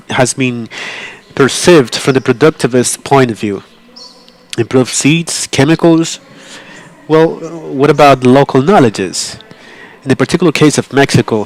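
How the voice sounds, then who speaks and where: A medium-pitched man interprets a conference talk live, halting often and restarting or correcting himself frequently. The audio quality is poor.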